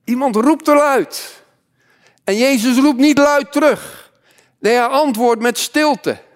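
Male pastor, high voice, impassioned sermon, swings from loud to hushed. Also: slow.

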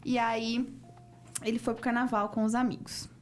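A woman's voice: on the high side, flat delivery, normal speed, soft background music. A woman co-hosting a podcast, telling a personal story in a playful, laughing way. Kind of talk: casual storytelling.

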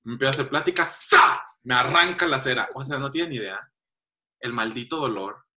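A man's voice: mid-range voice, a little fast. A young man with a Mexican accent telling a funny personal story in a casual chat, laughing as he goes. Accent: Mexican Spanish. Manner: animated, laughs through his story.

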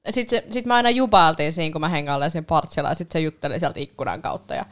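A speaker chatting casually with roommates and telling a relaxed anecdote. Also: mid-range voice, clear, resonant tone.

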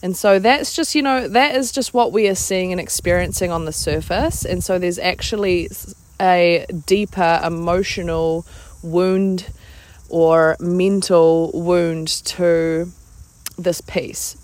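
A woman giving casual, encouraging motivational talk as a podcast host, pausing often as she finds her words. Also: on the low side, a little mellow, no room sound. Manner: informal, encouraging, hesitant with pauses. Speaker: podcast host, life coach. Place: outdoors. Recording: outdoors with clear background insect noise.

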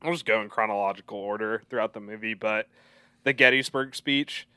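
A young man co-hosts a casual podcast, eagerly retelling favorite movie scenes and quoting their lines. His voice sits on the low side, sharp and clean, and he talks a little fast. The recording is dry.

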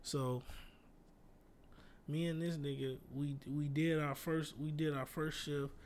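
A man's voice: on the high side, flat delivery, slow pace, darkish tone, a little hiss or hum. A man co-hosting a casual chat, telling laid-back stories full of slang and profanity. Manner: laid-back storyteller, laughs through his punchlines. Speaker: podcast co-host.

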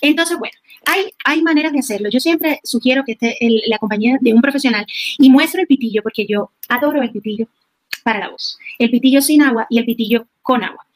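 A woman, a vocal coach answering interview questions, explaining warmly with everyday examples like a teacher. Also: a little high, quick pace, dry recording. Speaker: vocal coach, podcast guest.

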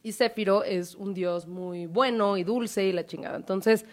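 A woman's voice: medium pitch, moderate pace. A young woman with a Mexican accent retelling a myth in casual, joking, profanity-laced chat. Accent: Mexican Spanish.

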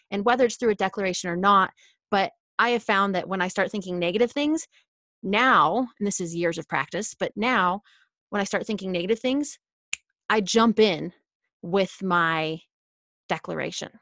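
A woman's voice: mid-range voice, fairly bright tone, dry recording, clean studio sound. Earnest woman giving self-help tips. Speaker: podcast guest. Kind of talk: casual podcast talk.

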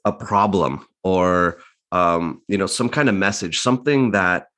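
A man's voice: low-pitched, a little slow, fairly bright tone. A man as a guest in a casual interview, explaining his points conversationally and often ending them with "right?".

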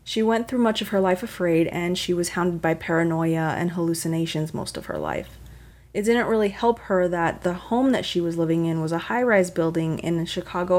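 A woman's voice: fairly low pitch, normal speed, darkish tone. A woman hosting a true crime podcast, telling the story in a conversational, slightly wry way. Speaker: podcast host.

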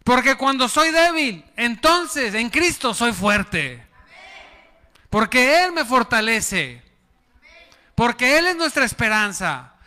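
A pastor delivers a sermon to his congregation in a high, bright, sing-song voice, taking his time. He fires questions at the listeners and leads them in call-and-response, while the hall adds a long reverb.

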